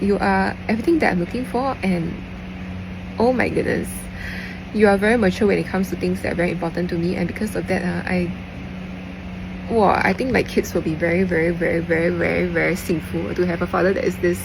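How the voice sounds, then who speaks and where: Creaky young Singaporean woman, chatty and emphatic. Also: fairly even intonation, fairly quick. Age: young adult. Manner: emphatic, repeats phrases, Singlish particles, switches into Mandarin. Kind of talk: casual personal voice message, rambling and heartfelt. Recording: noisy, vehicle-like background rumble.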